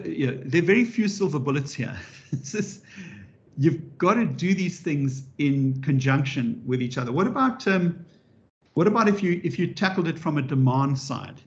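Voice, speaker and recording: A man giving an interactive public lecture as a professor, lively and animated, often restarting his sentences and adding wry asides. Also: fairly high pitch, vocal fry. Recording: dull lo-fi recording.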